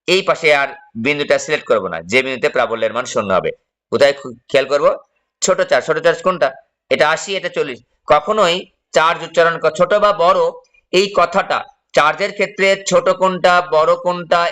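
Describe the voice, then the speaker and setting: A man's voice: on the high side, a bit bright. A man, a physics teacher giving a classroom lecture. He explains step by step, asks his students questions and repeats the key phrases.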